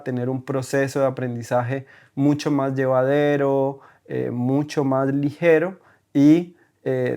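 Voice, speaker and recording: This man, originally from Costa Rica, works as a German teacher and is telling his story on a podcast taped in Berlin. His voice sits at medium pitch with a darkish tone. The conversational interview is casual, marked by many hesitations and tag questions.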